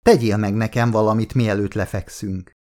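A man's voice: fairly low pitch, steady tone, warm tone, lightly acted. A male audiobook reader voicing a playful young woman who coaxes and pleads in a girlish, sulky way. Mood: coaxing. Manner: pleading, childlike coaxing. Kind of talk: audiobook character voice.

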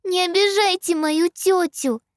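A woman's voice: high-pitched, lively intonation, a little slow, no room sound, studio quality, voice pushed up. A woman voicing a pleading ghost child. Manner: small, plaintive child's voice. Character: ghost boy speaking through a young man, pleading.

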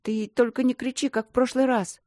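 Lady doing a young girl in a storybook, high and bouncy, talks fast and begs a lot, dry close sound. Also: fairly even intonation, darkish tone, no echo, close to an everyday voice. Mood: chirpy. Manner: pleading, high-pitched chatter. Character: chatty, impulsive young girl artist.

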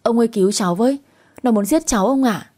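A woman voicing a spiteful young wife who mocks and then wails in shrill complaint. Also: fairly quick, dark tone, close to an everyday voice. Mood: wailing.

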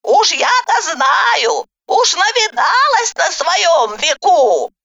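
A woman's voice: extremely high pitch, big pitch swings, slow, bright, forceful tone, muffled recording, voice pushed up, full character voice. Woman playing a sly folksy old granny. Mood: ominous warning. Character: sharp-tongued scheming old grandmother.

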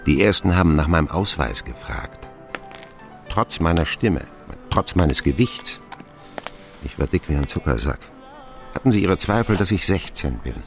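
In a radio play, an actor voices a middle-aged narrator wryly recalling his boyhood in scripted first-person narration. His voice sits low and moves at normal speed, with a wry, expressive, reminiscing storytelling style and faint music behind him.

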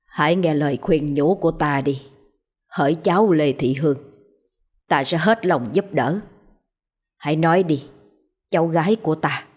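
Nữ đọc giả giọng thầy pháp lớn tuổi, khuyên răn trang nghiêm, giọng hơi trầm. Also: female voice, low-pitched, moderate pace, long pauses, a little mellow. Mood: coaxing, solemn. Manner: solemn, admonishing. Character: stern elderly male exorcist, calm and solemn.

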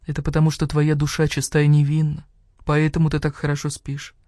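A woman voicing a small, fit male mini-pig who speaks tenderly and gravely to his wife. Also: low voice, monotone, fairly quick, mellow, no room sound, clean studio sound, close to an everyday voice. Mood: earnest.

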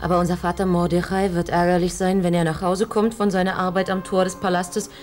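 An actress playing a busy, strict mother losing patience in a children's radio play, brisk and scolding. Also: fairly low pitch, level tone, a little mellow, soft background music, lightly acted. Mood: impatient.

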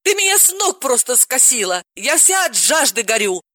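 A woman voicing an excitable, gossipy woman friend who gasps and exclaims dramatically in an audiobook. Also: high-pitched, normal speed, no echo, clean studio sound, voice pushed up, full character voice. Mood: shocked. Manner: gasping, exclaiming, over-dramatic.

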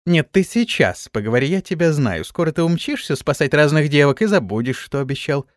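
A man's voice: on the high side, big pitch swings, fairly quick, dry recording, clean studio sound. A man reading the part of a young pregnant bride who is teasing and insistent. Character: young pregnant woman, playful and demanding bride.

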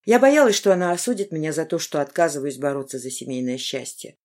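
A woman narrating a first-person audiobook in an expressive, intimate storytelling manner. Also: low voice, fast talker.

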